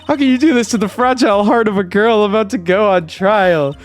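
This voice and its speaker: A man voicing a fragile young woman on trial in a video game, in a high, whiny falsetto. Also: a little fast, soft background music, lightly acted. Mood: indignant. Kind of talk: video game voice-over for a stream.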